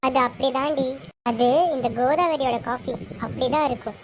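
A woman's voice: high-pitched, fairly even intonation, moderate pace, close to an everyday voice. A woman voicing a fussy but affectionate middle-aged mother who scolds fondly. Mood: scolding fondly. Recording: noisy amateur home recording.

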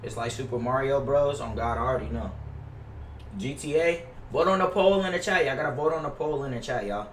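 Here a young adult man, an American game streamer, talks a little fast at a medium pitch. His casual chat with viewers is full of slang and profanity, and he tends to repeat himself. Captured at his indoor gaming setup on a headset mic, the audio is noisy, roomy, and distant.

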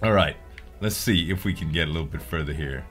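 A man's voice: extremely low pitch, fairly quick, fairly bright tone, soft background music. A young man giving casual, exclamatory gameplay commentary as a let's-player, swearing freely. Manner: exclamatory, swearing, laughs readily. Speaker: let's play gamer.

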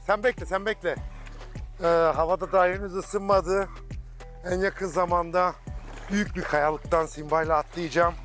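High-voiced man calling to his dog. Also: steady tone, normal speed, fairly bright tone. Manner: urgent repeated commands to dogs. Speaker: dog-owner vlogger. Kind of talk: casual outdoor vlog. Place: outdoors by the sea. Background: background music.

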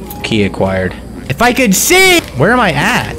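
A young man plays a horror game, firing off jokey, exclamatory commentary into a headset mic as a gaming streamer doing let's-play narration. His voice sits high with huge pitch swings at a moderate pace, and game music plays behind him.

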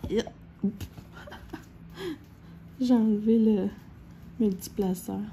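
A middle-aged woman with a Québécois accent chats through an unboxing in a slow, drawn-out way. She gasps and repeats her exclamations over and over. Faint room noise sits under her voice. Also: medium pitch, steady tone, mellow. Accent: Québécois French. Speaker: diamond painting vlogger. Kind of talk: excited unboxing chat.

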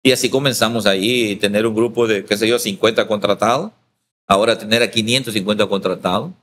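Salvadoran pastor telling a lively testimony. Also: male voice, lowish voice, brisk. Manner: lively storyteller, acts out quoted dialogue. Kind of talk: storytelling testimony in interview.

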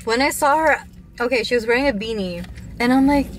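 A young woman chatting casually in a car for her vlog, excitable and giggly as she tells stories. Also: a little high, brisk, poor audio. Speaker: vlogger.

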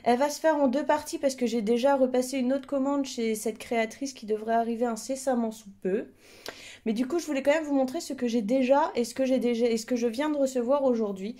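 A woman with a fairly high, mellow voice hosts a casual unboxing. She talks with a mouth numb from the dentist, slightly impeded, and is effusive in her admiration. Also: fast. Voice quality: numb-mouthed, slightly impeded speech after dental extraction. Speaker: host of unboxing videos.

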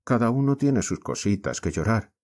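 A man with a Spain accent voicing a meek, sorrowful orphan girl in an audiobook, speaking softly and consolingly. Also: on the low side, big pitch swings, moderate pace, pitched above the performer's own voice. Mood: tender, pleading. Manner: soft, gentle and consoling. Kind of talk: audiobook character reading.

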